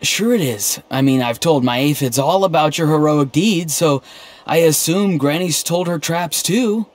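In a video game, an actor voices an earnest, naive, deadpan young man, an odd and gentle hero who speaks in a literal, understated way. His voice is a little high, measured in pace, with no echo, and he sounds earnest and pleading.

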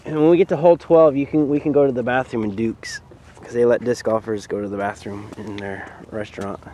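A man's voice: medium pitch, steady tone, brisk, dark tone, slight background noise. A man hosting a disc golf vlog outdoors, joking and teasing his friends in a nasal voice, picked up by a camera mic. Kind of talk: casual banter.

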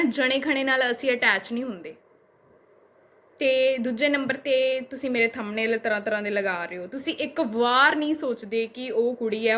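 Here a young woman, also a vlogger with a Punjabi accent, fires off repeated rhetorical questions at a critic in a reply-video rant. Her pitch is slightly high and her tone somewhat bright.

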